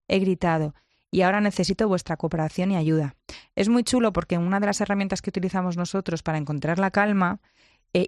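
Una mujer con acento de España que da consejos de crianza con énfasis, imitando frases de otros. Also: female voice, fairly low pitch, no echo, clean studio sound. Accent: Spain Spanish. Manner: lively, emphatic, acts out quotes. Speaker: parenting guest expert. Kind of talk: conversational advice.

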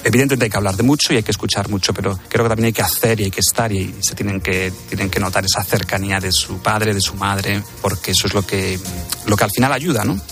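A man's voice: lowish voice, steady tone, fast talker, fairly bright tone, soft background music. A man giving his view in a radio discussion, thinking aloud with restarts and tag questions.

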